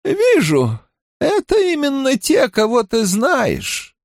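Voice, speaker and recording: A man's voice: very high-pitched, huge pitch swings, slow pace, dry recording, clean studio sound, pitched above the performer's own voice, heavily acted. A man reading an audiobook, voicing a stern, weary grey-haired old woman who scolds and speaks guardedly. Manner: scolding then tired and guarded. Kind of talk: audiobook character voice.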